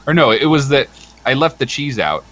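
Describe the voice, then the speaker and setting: A man's voice: medium pitch, big pitch swings, normal speed, a bit bright, low-quality recording. A man hosting a game livestream, telling a rambling, crude story while chatting casually. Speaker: livestream host.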